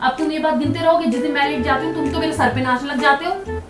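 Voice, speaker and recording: A woman's voice: high-pitched, steady tone, fast talker, reverberant, over music. A woman hosting a home video and bickering with her husband, snappy and defiant, firing back repeated retorts. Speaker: channel host, wife in a staged prank. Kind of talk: casual domestic argument.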